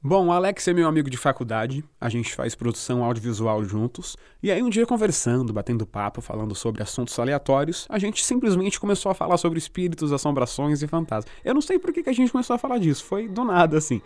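A man with a Brazilian Portuguese accent, the host of the show, introducing his guest in a relaxed, chatty way. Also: fairly high pitch, fast talker, hardly any pauses, no echo, studio quality.

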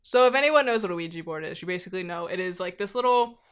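Speaking fast and expressively, a young woman guests on a podcast, swapping stories in casual conversation and stuffing her lines with "like." Her voice sits on the low side and sounds clear and resonant.

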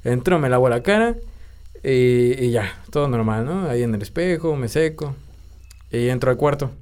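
A man's voice: medium pitch, animated, moderate pace, darkish tone. A man with a Mexican accent, hosting a podcast and telling a story in slangy casual chat. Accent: Mexican Spanish. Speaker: podcast host. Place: home studio.

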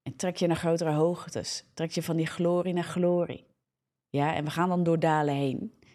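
A woman's voice: low voice, flat delivery, normal speed, dark tone. A woman with a Dutch accent preaching in a live morning broadcast, fervent, often checking in with "ja?" and correcting herself. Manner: fervent, frequent checking "ja?", restarts and self-corrections. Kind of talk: preaching a live social media sermon.

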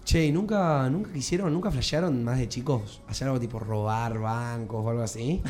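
A man's voice: mid-range voice, a little fast, darkish tone. A young man with an Argentine Rioplatense accent, chatting and joking in heavy slang as a podcast co-host. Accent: Argentine Rioplatense Spanish. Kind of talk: casual chat among friends.

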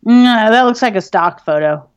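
A woman's voice: on the high side, lively intonation, normal speed. A woman co-hosting a podcast in casual chat, swearing freely and laughing often. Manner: profane, laughing, chatty. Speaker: podcast co-host.

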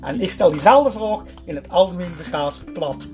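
A man's voice: high voice, animated, normal speed, a little mellow, soft background music. A man with a Limburgish Dutch accent co-hosting a podcast in casual chat, often searching for words. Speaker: podcast host.

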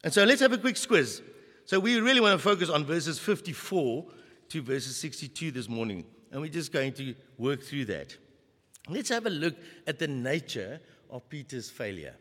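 A man preaching a sermon, animated, with many rhetorical questions to the congregation. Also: fairly high pitch, normal speed, big-room sound.

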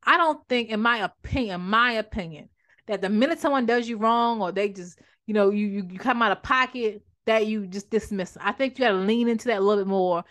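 A woman hosting a podcast, giving a faith-based motivational talk, speaking fast and animated, often repeating and restarting phrases. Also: mid-range voice. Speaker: podcast host and author.

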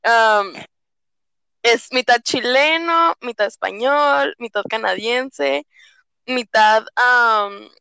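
A woman's voice: on the high side, very slow, gravelly, bright, forceful tone, smooth, no room sound. A woman hosting a casual podcast interview, chatty, playful and teasing. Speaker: podcast host.

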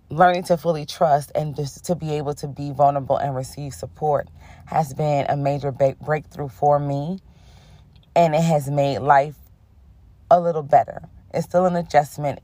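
A woman's voice: low voice, no echo. A young woman hosting a casual spiritual podcast, a little under the weather, affirming and chatty, often checking in with "okay?". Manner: warm-toned, affirming, sprinkles in "okay?" and "honey". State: under the weather, voice a bit rough. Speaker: podcast host.

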